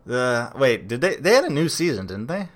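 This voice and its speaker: A man co-hosting a podcast in casual chat, relaxed and rambling, with frequent fillers and restarts. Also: medium pitch, moderate pace. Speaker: podcast co-host.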